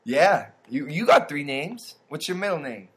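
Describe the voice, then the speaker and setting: A young man chatting casually on a podcast, his voice sitting a touch higher than most men's. He rambles through his stories and keeps circling back with fillers and restarts. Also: very animated, unhurried, slightly rough. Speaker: podcast co-host. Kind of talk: casual chat.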